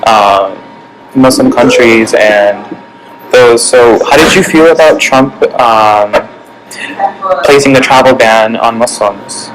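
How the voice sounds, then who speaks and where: A man's voice: mid-range voice, takes it slowly, poor audio. A young man conducting a casual class interview, hesitant and full of ums. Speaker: student interviewer. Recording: background music.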